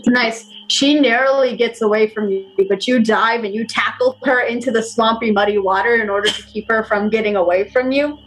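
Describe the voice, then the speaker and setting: A woman's voice: a little high, slight background noise, poor audio. Woman game master narrating a tabletop game. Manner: descriptive, measured narration.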